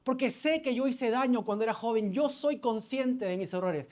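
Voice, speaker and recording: A man's voice: very high voice, normal speed, darkish tone. A man, a pastor preaching a sermon. He tells a personal story, calls for amens and often restarts his phrases. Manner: storytelling, calls for amen, self-correcting restarts.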